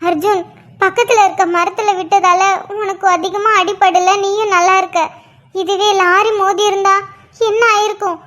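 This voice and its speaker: Give me a woman as a worried, scolding cartoon mother with a very high voice. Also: fairly even intonation, normal speed, a bit bright. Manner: scolding, tearful. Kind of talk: cartoon voice acting.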